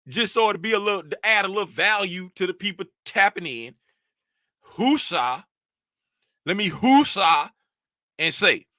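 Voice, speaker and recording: Trading host, male, rowdy ranter, bright high voice. Dry, close sound. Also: dry recording. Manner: animated, rowdy, ranting. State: worked up and sweating. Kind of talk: casual rant to viewers.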